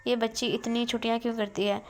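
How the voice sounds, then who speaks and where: Middle-aged mom, doubtful and nagging, even delivery, voiced by a woman narrator. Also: on the high side, fast talker, soft background music, natural voice.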